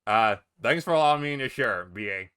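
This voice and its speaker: A man's voice: mid-range voice, expressive, fairly quick, pushed and bright, clean tone. A man giving casual, unscripted fan commentary in a rambling, conversational way. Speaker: guest contributor.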